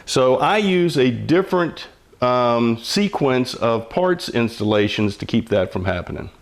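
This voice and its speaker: A man's voice: mid-range voice, expressive, a little slow. An older man explains hands-on mechanical work step by step, like an old machinist, in a patient, folksy, plain-spoken way. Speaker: mechanic giving instruction.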